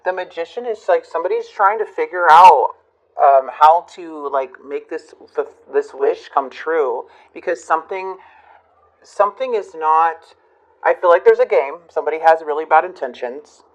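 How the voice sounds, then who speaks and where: A woman reading tarot cards for her channel, talking reflectively with many fillers and pauses. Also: sits low, muffled recording. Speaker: tarot reader.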